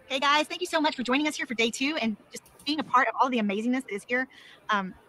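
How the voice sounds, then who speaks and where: Bright, quick-talking woman hosting an event. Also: high voice, slight background noise, low-quality recording. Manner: enthusiastic, rambling, with laughs. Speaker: event host. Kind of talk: event introduction. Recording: sped-up recorded webinar.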